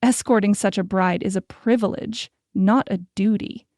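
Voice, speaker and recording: A woman reading the lines of a gracious, formal gentleman merchant in an audiobook. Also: medium pitch, steady tone, moderate pace, no room sound, clean studio sound, lightly acted. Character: older gentleman merchant, courtly and warm.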